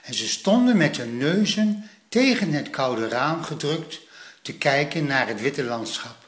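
Slow, lively male storyteller. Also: fairly high pitch, roomy sound. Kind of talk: children's story reading.

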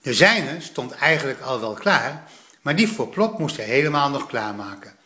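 A man reading a children's story aloud in a lively, animated way. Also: medium pitch, moderate pace, roomy sound.

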